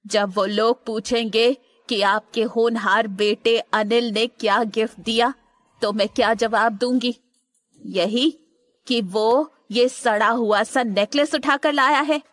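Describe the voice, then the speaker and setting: A man's voice: very high-pitched, fairly even intonation, slow pace, fairly bright tone, pitched above the performer's own voice, heavily acted. A man voicing a domineering old grandmother who scolds her family with contempt in an audiobook story. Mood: angry scolding. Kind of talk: audiobook character voice.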